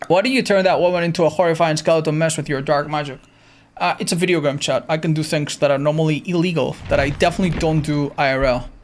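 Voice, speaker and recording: A man with a high, slightly raspy voice chats loosely with his stream chat while he plays. He is animated and swears freely. A faint ambient hiss sits under the voice. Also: a little fast. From Andorra. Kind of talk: casual live-stream chat.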